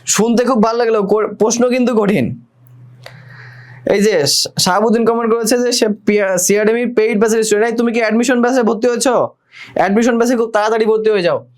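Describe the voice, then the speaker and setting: A man's voice: high voice, fairly quick, long pauses. A young man teaching a live online admission class, who keeps asking students questions, repeats himself and reads their comments aloud. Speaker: admission test tutor.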